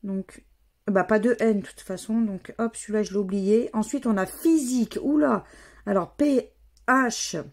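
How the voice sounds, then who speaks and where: With a mid-range voice and a measured pace, a woman from France vlogs her scratch cards, keeping up a casual commentary and spelling the letters out one by one.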